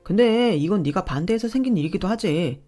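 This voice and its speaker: A woman's voice: medium pitch, expressive, brisk, dark tone, faint music behind, natural voice. A woman voicing a brash, entitled young husband who talks back defensively and dismissively.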